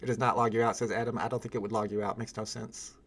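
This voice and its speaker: A man's voice: on the low side, level tone, quick pace. Exasperated man hosting a live stream. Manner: exasperated, rambling, laughs often. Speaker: livestream host. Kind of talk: casual live-stream chat, reading viewer comments.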